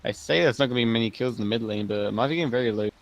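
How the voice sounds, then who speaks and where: A man's voice: mid-range voice, very fast, low-quality recording. A man giving live analysis of a video game match in a chatty, analytical way. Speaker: esports caster.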